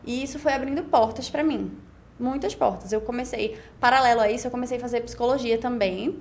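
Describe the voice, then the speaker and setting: A woman in her twenties speaks a little fast in a slightly high voice, with the Brazilian Portuguese accent of Pernambuco. She is a beauty pageant winner appearing as a guest on a casual podcast interview, reflecting on her story in long run-on stretches and often tagging on "né?".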